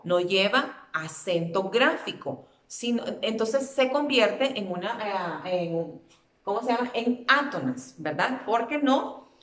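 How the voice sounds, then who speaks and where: A woman teacher walks children through a spelling lesson at an unhurried pace, stretching out and repeating each word so they can hear the stress. Her voice sits at an ordinary pitch, and the room gives it a noticeable echo. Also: fairly bright tone. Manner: patient, drawn-out repetition of words. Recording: echoey room.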